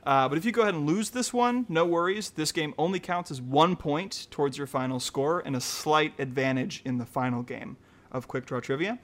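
A man's voice: a little high, a bit bright. Upbeat man hosting a trivia game. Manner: upbeat, chatty, reads questions slowly. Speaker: quiz host. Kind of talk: casual quiz hosting.

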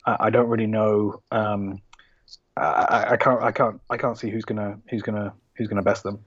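A man's voice: lowish voice, little pitch movement, moderate pace, a bit bright, husky, no room sound, lo-fi sound. A man co-hosting a sports podcast, chatting casually with lots of fillers and restarts. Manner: hesitant, many fillers and restarts. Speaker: podcast co-host.

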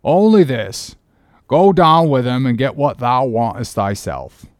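A man voicing a sober, stern first mate speaking in a measured way. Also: mid-range voice, sing-song, no room sound, clean studio sound. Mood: grave.

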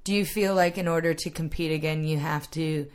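A woman's voice: deep voice, fairly even intonation, brisk, clean tone. A woman in her thirties hosting a podcast, chatty and laughing often. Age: 30s. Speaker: podcast host. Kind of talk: casual interview chat.

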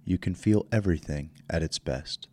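A man leading a guided meditation in slow, soothing instructions, speaking into a close microphone. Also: low voice, mellow, no echo.

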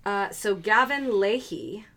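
A woman's voice: mid-range voice, expressive, takes it slowly, fairly bright tone. A woman hosting a podcast, chatting casually, leading the talk and reading out listener questions. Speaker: podcast host. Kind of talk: casual chat.

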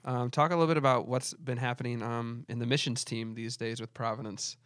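A man's voice: mid-range voice, steady tone, fairly quick, a bit bright, dry recording, studio quality. A young man hosting a church podcast, chatting with a guest in a friendly way with many fillers. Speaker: podcast host, church staff. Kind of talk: casual podcast interview.

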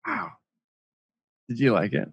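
A man's voice: mid-range voice, huge pitch swings, measured pace, vocal fry, husky, no echo, highs cut off. A man hosting a podcast, talking casually in a rambling way and laughing often. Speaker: podcast host.

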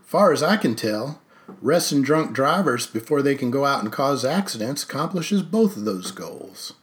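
A man's voice: fairly high pitch, very animated, normal speed, pitched above the performer's own voice. A man voicing a sixty-three-year-old small-town sheriff who speaks in a folksy, wry drawl.

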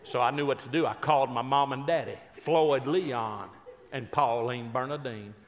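A man's voice: medium pitch, moderate pace, long reverb tail. A man, telling folksy stories and teasing a live audience from a stage. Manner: folksy, chatty, teasing the crowd. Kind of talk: stand-up storytelling to a live audience.

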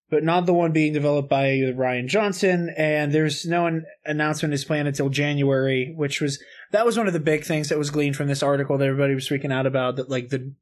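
Man, podcast co-host, fairly high voice, casual, joking, reads article aloud.

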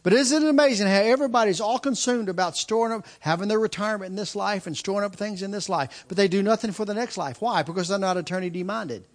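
A man in his mid-fifties preaches to his congregation, his voice sitting notably high for a man. He hammers his points with repetition, circling back on phrases and restarting sentences as he goes. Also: quick pace, hardly any pauses. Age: 50s. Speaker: pastor. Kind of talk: sermon.

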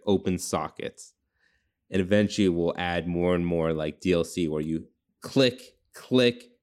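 A man's voice: low voice, darkish tone. A young man chatting casually on a podcast, rambling through ideas with lots of "like". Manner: rambling, heavy use of "like". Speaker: podcast co-host. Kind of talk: casual brainstorming chat.

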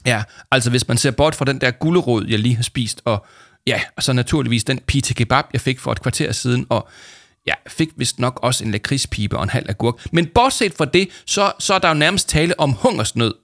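A man's voice: animated, fairly bright tone. A man voicing a big, always-hungry grown man who bellows with dramatic seriousness in a storybook reading. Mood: grave. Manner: booming, dramatic, overly serious. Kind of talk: storybook character voice.

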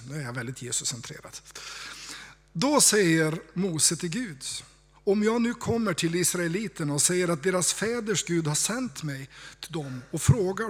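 Male preacher, slightly higher voice, husky, conversational sermon delivery. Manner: conversational, reflective, dropping to hushed tones for emphasis.

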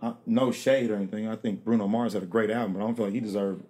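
A rapper and producer, interviewed as a guest, speaks in a lowish, fairly even voice at a rapid-fire clip over a noisy crowd. The conversation is casual and rambling, and he laughs often and keeps restarting his sentences.

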